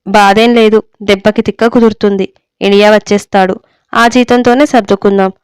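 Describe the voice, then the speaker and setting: A woman's voice: mid-range voice, fairly even intonation, brisk, clean tone, no room sound, natural voice. A woman voicing a worried, strong-willed middle-aged mother in a read-aloud story, speaking in a scolding, insistent way. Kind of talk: storybook reading.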